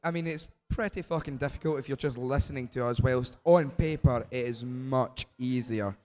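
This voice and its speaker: A man's voice: mid-range voice, moderate pace, a little mellow. A man with a thick Scottish accent, co-hosting a quiz in a casual, live style. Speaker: quiz co-host.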